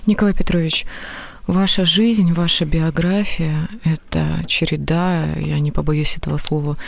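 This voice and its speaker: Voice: mid-range voice, flat delivery, normal speed, vocal fry. A host putting long, formally phrased questions to a guest.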